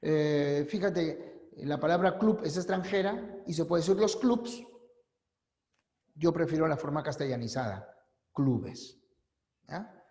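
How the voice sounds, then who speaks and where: A man teaching a language class, explaining rules slowly and emphatically and repeating the key points. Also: fairly high pitch, expressive, warm tone. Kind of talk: recorded class lecture. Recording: echoey room with long reverb.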